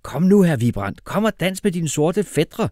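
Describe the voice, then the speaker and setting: A man voicing an excitable uncle who talks loudly. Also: medium pitch, no echo, studio quality. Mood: coaxing. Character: excitable middle-aged uncle, loud.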